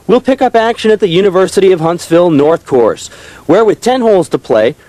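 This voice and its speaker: A man giving golf-style play-by-play commentary, describing each shot in a measured, descriptive way. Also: a little high, darkish tone, no room sound, poor audio. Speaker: disc golf tournament commentator.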